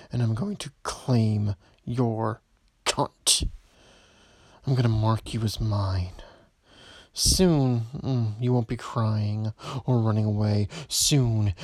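A man playing a menacing, possessive stalker in an audio roleplay, speaking low and taunting, often dropping to a whisper. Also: no room sound. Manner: slow, low, taunting delivery with frequent whispers. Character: menacing adult male stalker, predatory and possessive.

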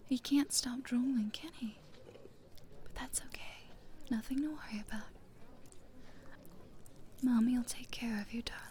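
A woman speaking in a soft, coaxing, teasing whisper close to the mic, as in an intimate audio roleplay. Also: a little high, a little slow, long pauses.

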